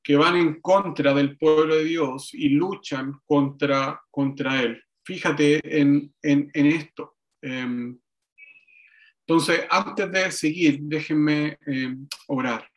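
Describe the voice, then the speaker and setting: A man preaching a sermon, slow and reflective, with frequent pauses and restarts, for an online service. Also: fairly high pitch, steady tone. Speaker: pastor.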